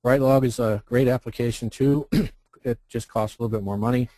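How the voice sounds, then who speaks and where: This contest representative, an American man, talks a little fast in a steady, dark, medium-pitched voice. His informal instructional presentation works through questions he asks and then answers, and the recording is dry.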